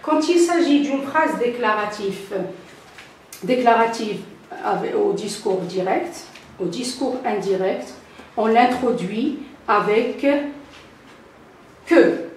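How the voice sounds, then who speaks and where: An older woman, a French teacher, giving a slow grammar lesson and repeating key terms deliberately. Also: a little high, lively intonation, slight background noise. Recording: echoey room, voice from a distance.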